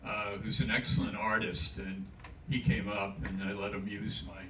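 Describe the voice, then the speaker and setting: An older man giving an anecdotal talk at a club gathering, chuckling and halting with fillers. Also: on the low side, level tone, a bit bright. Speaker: club speaker. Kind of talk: anecdotal after-dinner talk. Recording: echoey hall, distant mic, background noise.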